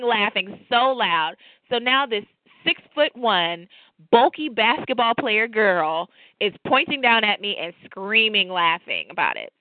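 A woman co-hosting a faith talk show, telling a lively personal story and drawing a lesson from scripture. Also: on the high side, no room sound. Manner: storytelling, animated, preachy asides. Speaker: podcast co-host. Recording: tinny phone-like line, dry.

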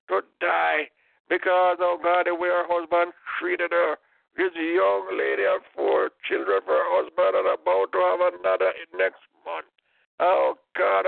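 A prayer leader on a tinny phone line intercedes fervently and with passion, saying "oh God" and "in the name of Jesus" again and again. His voice is high-pitched with vocal fry, and the recording is dry.

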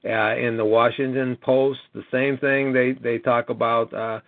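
An American caller in his late sixties talks on a conference call over a narrow, tinny phone line. His medium-pitched, gravelly voice is flat and a little slow, with no echo. He rambles earnestly and keeps driving points home with an emphatic "okay?"

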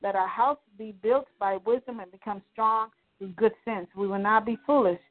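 A woman's voice: mid-range voice, moderate pace. A woman leading a congregational prayer, speaking in fervent, rhythmic repeated declarations. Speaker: prayer leader. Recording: tinny phone-line sound.

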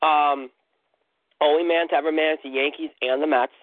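A man's voice: on the high side, fairly even intonation, a little fast, no echo. Phone-like male radio host. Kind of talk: casual sports talk chat. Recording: narrow phone-like radio sound.

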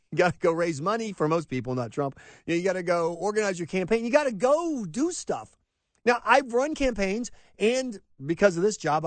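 A man's voice: sits high, no room sound. A middle-aged man hosting a talk radio show from a diner, ranting in an opinionated, mocking way and acting out quotes. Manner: animated, mocking, acts out quotes. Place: broadcasting live from a diner.

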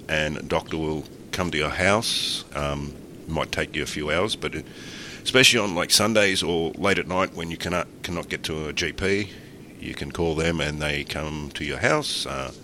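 Very deep, congested Australian man. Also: sharp tone, a little hiss or hum. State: congested with a cold and sore throat, slightly crackly. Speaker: podcast host. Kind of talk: casual podcast chat.

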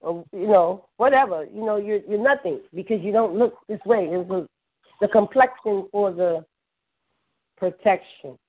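A woman's voice: medium pitch, normal speed. A woman talking in a casual phone-call chat, blunt and emphatic, repeating herself for weight and throwing in curse words. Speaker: podcast caller discussing history. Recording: tinny phone line.

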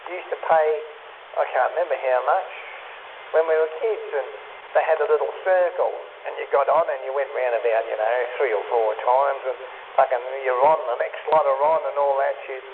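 A man's voice: medium pitch, normal speed. An Australian man chatting casually over CB radio in a folksy, rambling, mildly sweary way. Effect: CB radio transmission. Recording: tinny narrowband CB radio with hiss.

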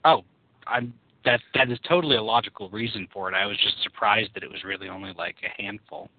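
Man, quick dry quipper, rapid delivery, lo-fi dry audio. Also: lowish voice, no room sound. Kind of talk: casual podcast chat. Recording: dry, phone-like lo-fi sound.

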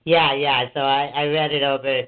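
A man's voice: mid-range voice, flat delivery, normal speed. A man, a guest on an upcoming interview, chatting agreeably and hesitantly over a speakerphone, with many fillers. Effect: heard over a speakerphone. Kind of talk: casual call before an interview. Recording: tinny speakerphone line.

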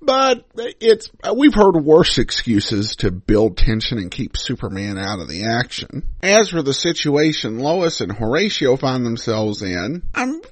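A man's voice: medium pitch, big pitch swings, a little slow, few pauses, no room sound. An American man giving casual commentary as a podcast host. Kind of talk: casual commentary on old radio serials.

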